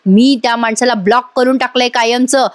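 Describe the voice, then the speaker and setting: A woman voicing an angry, defiant young woman who speaks in sharp, scolding lines. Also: a little high, steady tone, a little fast, no room sound, studio quality, lightly acted.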